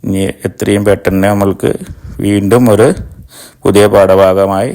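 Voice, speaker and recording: Malayali male teacher, lowish voice. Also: level tone, a little slow, a little mellow. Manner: reads a line, then translates it word by word. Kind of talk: reading a folk tale in Hindi and explaining it in Malayalam.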